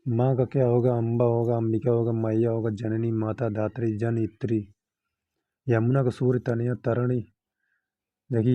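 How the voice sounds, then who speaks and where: In an exam-prep lesson, a man with a mellow, medium-pitched voice rattles off long lists of synonyms in set phrases and reminds students what they need to memorise. There's no room sound on the recording.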